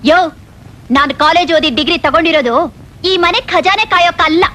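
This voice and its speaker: A sharp-tongued young wife. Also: female voice, extremely high pitch. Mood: tart. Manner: quick, cutting retorts. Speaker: wife of the elder brother. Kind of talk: film drama dialogue.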